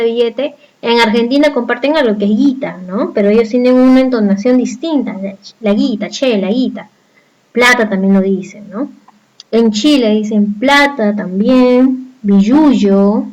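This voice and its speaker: Slow-paced Peruvian woman teaching a lesson. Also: on the high side, low-quality recording. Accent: Peruvian Spanish. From Peru. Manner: explanatory, asks viewers rhetorical check questions. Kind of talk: educational video lesson.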